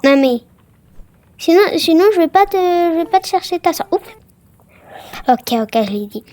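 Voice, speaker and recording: A woman's voice: very high-pitched, animated, normal speed, darkish tone. A woman casually commenting on a game she plays for viewers, chatty and full of exclamations and filler words. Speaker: gaming vlogger.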